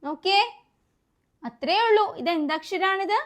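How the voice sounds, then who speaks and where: Woman with a high voice and a light lilt, teaching small children their letters. Coaxing and patient, she asks questions and repeats each sound. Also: measured pace, a bit bright. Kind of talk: kids' alphabet lesson.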